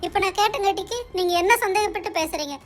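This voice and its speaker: A fiery young wife, voiced by a performer in a doll-serial drama, her voice pitched extremely high and racing along. She scolds and accuses in quick, sharp bursts, and soft music plays faintly underneath. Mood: accusing. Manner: sharp, scolding, rapid-fire. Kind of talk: amateur doll-serial voice acting.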